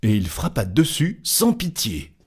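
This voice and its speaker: A man reading a fairy tale aloud as narrator, with lively, expressive storytelling. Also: mid-range voice, measured pace, husky.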